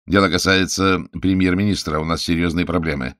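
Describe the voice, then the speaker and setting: A man's voice: low-pitched, steady tone, brisk, a bit bright, dry recording, studio quality. A man voicing a grave, worried senior statesman in an audiobook, formal and solemn.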